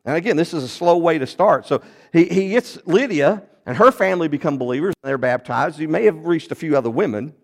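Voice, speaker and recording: A man preaching a sermon, retelling a Bible story in an animated storytelling manner with big swings in pitch and loudness. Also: a little fast, hardly any pauses.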